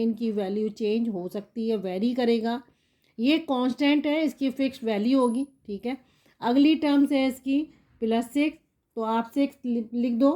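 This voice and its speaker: A woman's voice: on the high side, mellow. A woman teaching a maths lesson step by step, often asking rhetorical questions and checking in with "theek hai".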